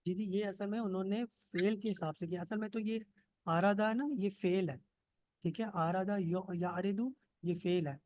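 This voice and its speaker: A man's voice: high-pitched, steady tone, normal speed, darkish tone, dry recording. A man teaching Arabic grammar in an online lesson, explaining step by step and checking in often with his students. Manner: patient, checks in with "theek hai?" often. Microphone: computer mic on a video call.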